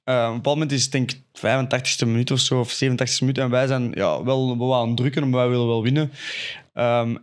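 A young Flemish man chatting casually and telling a story, animated and full of restarts. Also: medium pitch. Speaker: podcast co-host, footballer. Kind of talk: casual chat.

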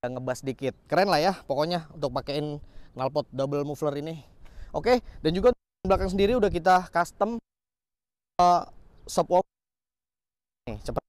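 Walking around a modded car, this workshop vlogger eagerly points out every upgrade, praising it over and over with "keren banget nih" and addressing "teman-teman." His voice is on the high side, moderately paced with frequent pauses, and there's no room sound.

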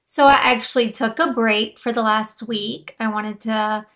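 Woman vlogger, a little hoarse, fairly high voice, casual and rambling, talking straight to viewers. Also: steady tone, unhurried, a bit bright. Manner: chatty, rambling, with many fillers and restarts. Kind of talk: casual weight-loss update vlog.

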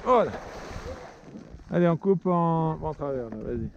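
While skiing and filming with an action camera he's wearing, a man shouts short, repeated, encouraging commands to coach his children on a snowy mountain slope by a forest. His voice is on the high side, gravelly, animated, and unhurried. The lo-fi camera audio is dull, with faint wind.

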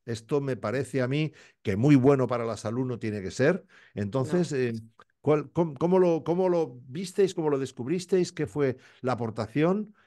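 A man's voice: mid-range voice, normal speed. A middle-aged man hosts an interview over a video call from his home office. He talks freely and jokes, spinning out long questions. His voice sits in a middle range. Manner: chatty and animated, joking, long run-on questions. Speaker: host. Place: home office with framed posters.

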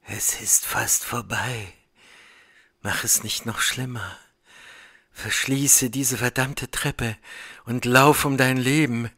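A man voicing a desperate man trapped below ground, pleading frantically, then sinking to a weak hush. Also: on the high side, takes it slowly, pitched above the performer's own voice. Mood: faint, resigned.

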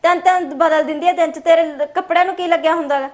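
Very high-pitched scolding woman. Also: fairly even intonation, fast talker. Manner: scolding, sharp-tongued. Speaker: daughter-in-law in a family drama. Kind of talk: amateur family drama acting.

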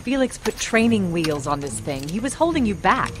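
A woman's voice: mid-range voice, big pitch swings, normal speed, close to an everyday voice. An actress playing a confident, tough woman mentor in a video game, cool and matter-of-fact. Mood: cool, instructing.

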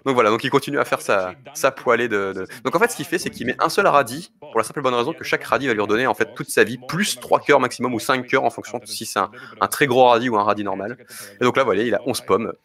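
A man commentates a speedrun live, breaking down techniques step by step, with halting restarts and light joking asides. His voice is medium-pitched and a bit bright.

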